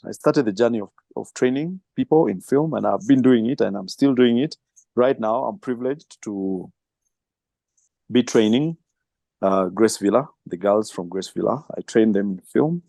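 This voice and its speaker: Gravelly-voiced man telling his story. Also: mid-range voice, no room sound. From Kenya. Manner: reflective storytelling with soft laughs. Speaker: filmmaker and film trainer. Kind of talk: interview answers.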